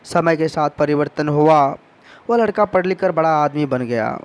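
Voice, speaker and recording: A man's voice: fairly high pitch, normal speed, clean tone, lo-fi sound. A man telling a devotional story as a sermon, addressing the congregation respectfully again and again. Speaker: devotional speaker.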